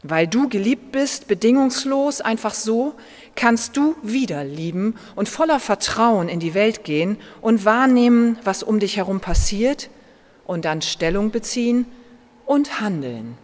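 A German-accented woman pastor delivers a sermon at an unhurried, deliberate pace. Her voice sits at a middling pitch and carries a long church reverb around it. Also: expressive. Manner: slow, measured preaching with gentle emphasis.

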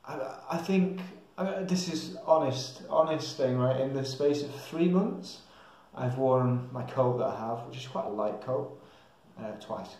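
A young man with an English accent talks casually to camera for his travel vlog, pausing hesitantly as he thinks aloud, though his delivery is measured with few actual breaks. His mid-range voice is a little mellow. He's recording in a small tiled room that is very echoey.

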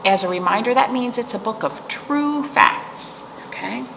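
A middle-aged children's librarian, seated in a small indoor library room, hosts a virtual storytime of rhymes and read-alouds for young children, explaining things simply and checking in with questions. Her slightly high voice has lively intonation, a moderate pace and vocal fry. The room is echoey, with background noise.

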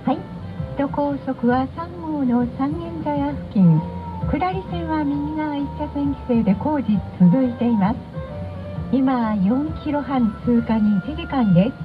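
High cute anime-voiced woman on tinny radio. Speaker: radio traffic information announcer. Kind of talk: live radio traffic report and farewell cross-talk. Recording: tinny band-limited radio broadcast with music.

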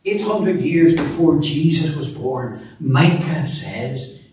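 A male minister preaching a sermon in earnest, repeating words as he builds emphasis, with touches of gentle storytelling humor. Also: fairly high pitch, takes it slowly, a little hiss or hum. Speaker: minister leading worship. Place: large church sanctuary. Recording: echoey church from a distance.

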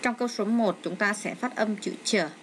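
A woman's voice: medium pitch, moderate pace. A middle-aged woman teacher explaining an exam step by step from home, with frequent hesitant fillers. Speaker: English teacher. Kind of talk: exam walkthrough lesson. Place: home with a child nearby. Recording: noisy home recording.

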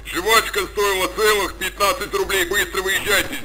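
A man's voice: high voice, level tone, normal speed, voice pushed up, low-quality recording. A man putting on a swearing cop on police radio. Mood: urgent. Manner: urgent, crude dispatch announcements. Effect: police radio transmission. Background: music.

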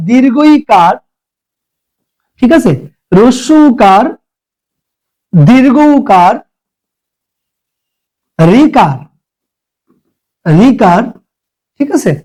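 A man's voice: high voice, animated, extremely slow, long pauses, a little mellow, low-quality recording. A man teaching an exam-prep lecture, coaxing students and repeating rules.

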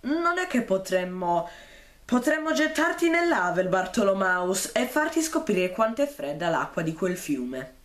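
A man reading the lines of a sharp-tongued fourteen-year-old girl gang leader who makes cold, mocking threats. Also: sits high, sing-song, measured pace, roomy sound, heavily acted. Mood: menacing.

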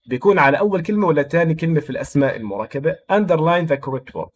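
Male teacher, Jordanian accent, slightly high pitch; slow deliberate English readings, quick Arabic explanation. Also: animated. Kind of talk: explaining a textbook lesson.

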